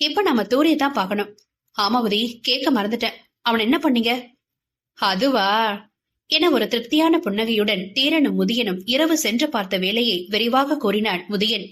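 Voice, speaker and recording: A woman's voice: fairly high pitch, animated, fairly bright tone. Woman reading a dramatic romance novel. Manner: voices every character herself, quick and emphatic in dialogue. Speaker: audio novel narrator.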